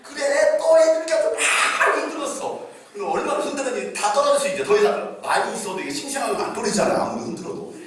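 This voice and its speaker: Middle-aged male preacher, high voice, swooping animated delivery, booming echo, set back from the mic. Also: fast. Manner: animated storytelling, acting out quoted voices. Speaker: pastor. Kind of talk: revival sermon storytelling. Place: church sanctuary. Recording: echoey church hall from far off.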